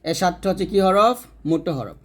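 A man's voice: high-pitched, big pitch swings, brisk. A man teaching Quran reading step by step, repeating each letter and answering his own questions. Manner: repetitive, asks questions and answers them himself. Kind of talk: step-by-step recitation lesson.

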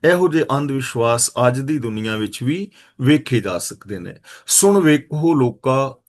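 A male preacher from Punjab gives a scripture talk. He chants each verse at an unhurried pace, then breaks it down in everyday speech. His voice sits at an ordinary middle pitch for a man. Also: animated. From Punjab, India. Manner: recites verses slowly, then explains in plain words. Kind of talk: line-by-line scripture exposition.

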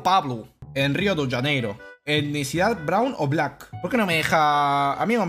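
Brash Argentine streamer man, high voice. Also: fairly bright tone. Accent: Rioplatense Spanish. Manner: brash, profane, reads game text aloud. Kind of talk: casual gameplay commentary.

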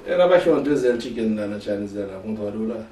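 A man's voice: fairly low pitch, expressive, racing, warm tone. A man, joining in off to the side with short, teasing replies. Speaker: vlogger's partner. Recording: echoey, faint traffic noise.

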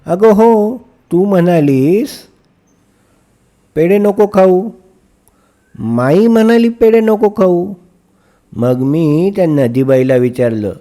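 Man doing a high cheeky little girl voice, storybook big sister, kinda loud. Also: animated, takes it slowly, pauses often.

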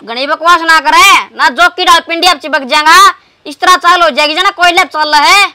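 A male actor plays a small, cheeky Haryanvi college lad. His voice is extremely high and piercing, curt and defiant, with some background noise on the recording. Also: moderate pace, sharp tone, heavily acted. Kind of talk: comedy sketch acting.

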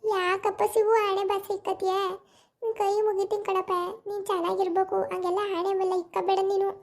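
A woman's voice: very high-pitched, little pitch movement, fairly quick, darkish tone. A woman voicing a humble, tearful old village aunt in a cartoon, with a pleading, self-reproaching manner. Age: older. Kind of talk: cartoon voice acting.

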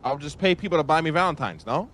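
A man's voice: on the high side, lively intonation, fast, a bit bright. A man in a game roleplay who talks brashly and swears, asking pointed, disbelieving questions.

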